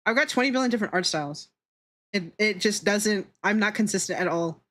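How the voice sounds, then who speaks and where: A VTuber sketches on stream, her mid-range voice animated, brisk, and a touch bright. She chats casually and playfully with viewers, teasing, giggling, and swearing as she likes.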